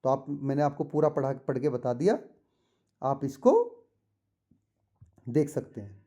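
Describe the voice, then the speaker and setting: A man with an Indian English accent explaining a textbook lesson to students, reading English lines slowly and then explaining each one patiently. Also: mid-range voice, steady tone, warm tone. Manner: addresses students directly, patient. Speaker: tutor.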